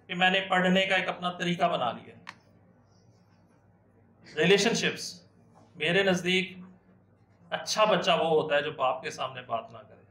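A man's voice: fairly high pitch, bright, forceful tone. A middle-aged man, lecturing a class as a professor, explaining with everyday examples, asking rhetorical questions and slipping in English terms. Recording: echoey room.

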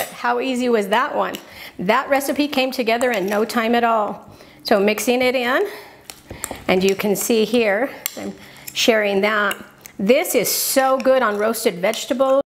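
Cooking host, middle-aged woman, higher voice with a gravelly edge, chatty and upbeat, home kitchen. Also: a little hiss or hum. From New Mexico. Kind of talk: cooking demonstration.

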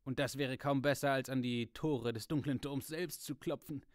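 A man reading aloud voices a proud male warrior, speaking loudly and urgently in a raised voice. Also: mid-range voice, fairly even intonation, moderate pace, no room sound, studio quality, lightly acted. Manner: loud, insistent and urgent.

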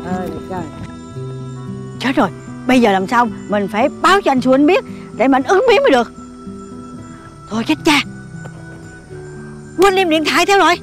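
A woman's voice: high voice, animated, normal speed, pauses often, over music. An actress playing a middle-aged mother who scolds and lectures her daughter. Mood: worried.

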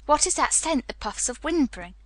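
Storybook reading: a woman plays a frail, excitable boy, high and bright, breathless cries. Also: normal speed, no echo. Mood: wondering. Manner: eager, breathless exclamations. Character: sickly excitable rich boy, imperious.

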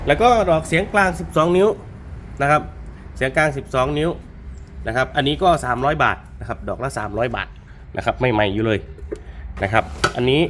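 Male shop seller, medium pitch, informal sales-video delivery, itemising and repeating prices, recorded with some ambient noise. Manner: lists items and prices item by item, repeating prices and polite particles. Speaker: audio equipment shop seller presenting stock and prices. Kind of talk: informal product walk-through sales video.

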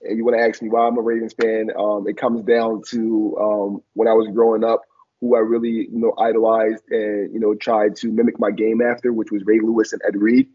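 A Liberian-born young man raised in Philadelphia, formerly a college football player, reflects with many fillers during a casual video call interview where he is the guest. He speaks a little fast in a level, husky, lowish voice. The dull lo-fi audio is picked up by a laptop camera in a small indoor room.

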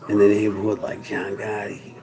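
A man's voice: on the low side, monotone, normal speed, low-quality recording. A man, rambling through a profane, tough-talking monologue to camera. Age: 40s. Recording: crowd noise in background.

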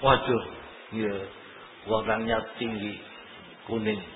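An older man giving a lively sermon as an Islamic preacher, chuckling often. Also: lowish voice, slight background noise. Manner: animated, chuckling often, slow deliberate delivery. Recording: echoey lo-fi phone-like hall recording.

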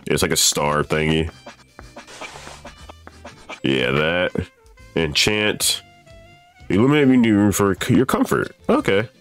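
A man's voice: sits low, expressive, takes it slowly, pauses often, fairly bright tone, clean tone, faint music behind. A young man casually playing a horror game on stream, reading its instructions aloud, swearing and laughing nervously. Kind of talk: casual let's play commentary.

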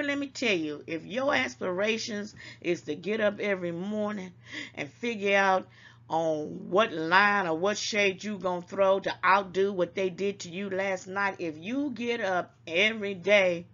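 An older woman hosts an online talk show, giving casual commentary in which she scolds and preaches to her viewers, calling them baby. Her mid-range voice is fairly bright and sometimes a little congested, and the sound is lo-fi.

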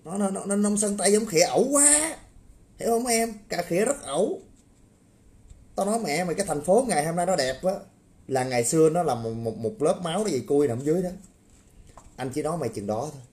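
A man's voice: fairly high pitch, expressive, a little fast, a little mellow. A man ranting crudely on a livestream, mocking and swearing, often asking viewers to agree. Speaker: political commentator. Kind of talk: livestream rant.

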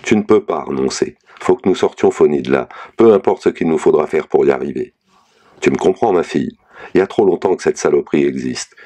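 A steadfast, no-nonsense mother, read by a man in a very deep, dark voice. Her words come forceful and colloquial, in a storybook reading. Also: a little fast. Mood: urgent, firm. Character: mother, firm and steadfast woman.

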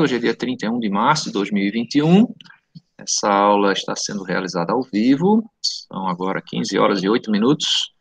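A middle-aged male teacher lectures informally in a Santa Catarina Brazilian accent, turning his s into a slushy sh. His pitch is average and the sound is dry, as on a close video-call microphone. He talks conversationally, often adding little checking tags. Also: a bit bright, dry recording. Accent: Santa Catarina Brazilian Portuguese. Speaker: technical course teacher. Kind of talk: informal live online lecture. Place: indoor room at home, online video call.

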